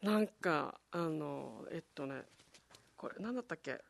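A woman's voice: deep voice, expressive, moderate pace, creaky, no room sound. A woman co-hosting a casual livestream chat, easygoing and often trailing off into fillers as she remembers things. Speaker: co-host.

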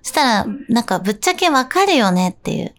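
A young woman with a high, bright-sounding voice hosts a casual radio segment. She talks in a bubbly, playful, chatty way. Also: sing-song, brisk. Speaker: radio host and live streamer. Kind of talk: casual radio chat with quiz.

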